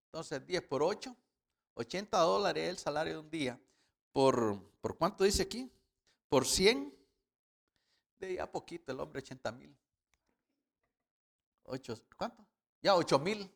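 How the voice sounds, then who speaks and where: A man preaching a sermon in Spanish, working through sums and retelling a parable with loud emphatic rises. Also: fairly high pitch, creaky.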